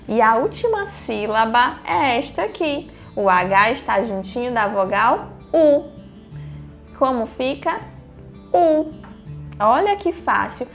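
A woman teaching a lesson to young children, slow and deliberate, in a sing-song, encouraging manner. Her voice sits a little high, and she keeps asking questions and answering them herself. Soft music plays faintly behind her. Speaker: primary school teacher.

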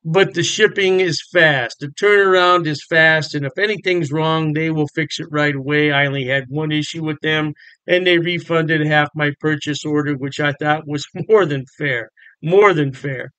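A man's voice: fairly high pitch, fairly even intonation, moderate pace, pushed and bright, clear, resonant tone, dry recording, rough recording. An older man chatting in a folksy way from his home, reviewing beer and repeating lines for emphasis. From Ohio. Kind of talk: casual beer review vlog. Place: home room with framed beer signs on the walls.

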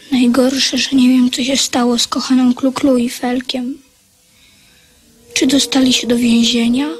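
An actress playing a brave, sorrowful young boy king in a radio drama, speaking gravely and reflectively. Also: sits high.

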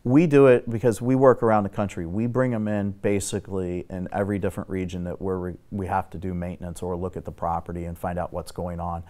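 A middle-aged guest expert on building exteriors explains building repair point by point on a studio talk show set. His fairly low voice stays steady, technical and instructive, and he talks fast with hardly any pauses.

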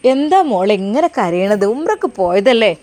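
A woman voicing a gentle mother who soothes her daughter softly. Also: medium pitch, sing-song, normal speed, close to an everyday voice. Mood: soothing. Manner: soft, soothing.

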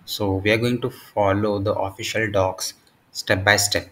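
In a level tone and a fairly low voice, a man walks through a software tutorial step by step. He talks very slowly in short, halting phrases, with faint noise in the background.

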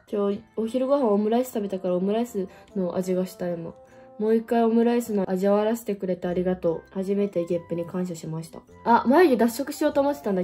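A young woman of about twenty in a relaxed solo vlog, chatting loosely to her viewers. She rambles from one thought to the next with plenty of fillers and teasing, self-mocking asides. Faint music plays under her voice. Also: medium pitch. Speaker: vlogger. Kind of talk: casual solo chat to camera.

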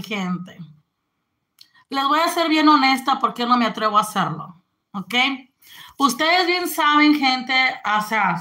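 A woman's voice: a little high, bright, forceful tone. A woman, chatting casually on a live stream and greeting viewers. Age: 40s.

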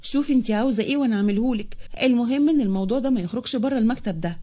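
A woman's voice: fairly high pitch, rapid-fire, dark tone, close to an everyday voice. A woman voicing a male office manager in an Egyptian accent who placates and persuades. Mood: urgent.

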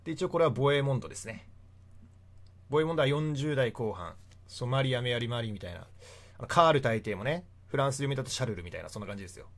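Young man, casual history lecture, animated pitch, laughs a lot. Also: fast. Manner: chatty, laughs often between points. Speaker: history explainer.

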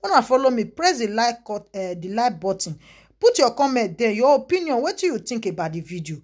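A woman with a Nigerian Pidgin accent talks straight to her viewers, spilling gossip with loud exclamations and repeated asides. Her voice sits a little high for a woman. She keeps calling back to her audience as she goes. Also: very animated, fairly quick. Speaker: vlogger. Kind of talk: casual gossip commentary.

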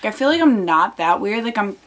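A teenage girl whose voice is giving out chats earnestly to a close-framed camera on her bedroom desk, dropping in lots of fillers. Her mid-range voice has lively intonation and a fairly quick pace as she vlogs casually indoors.

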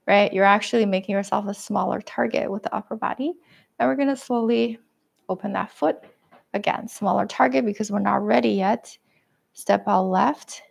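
A woman teaching a live tai chi class at home, giving gentle step-by-step cues with a quick "right?" or "okay?" between them. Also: medium pitch, gravelly. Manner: gentle guiding cues with frequent "right?" and "okay?", self-deprecating laughs. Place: living room at home. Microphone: webcam and room mic while moving around.

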